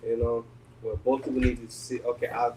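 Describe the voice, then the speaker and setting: A man in a casual group podcast chat, explaining his point calmly and step by step. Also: medium pitch, fairly quick. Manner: calm, explanatory. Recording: echoey room, mic at a distance, faint noise.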